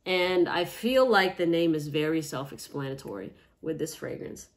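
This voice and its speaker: A woman's voice: low voice, expressive, normal speed, noisy background. A woman chatting casually in a product review vlog, emphatic, tagging her points with "okay?". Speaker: fragrance reviewer.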